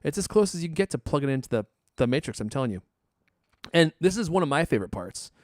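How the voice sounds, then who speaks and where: A podcast host with a fairly high, very animated voice talks fast, chatting casually and reading ads in a jokey, teasing way with theatrical emphasis. The recording is studio quality with no echo.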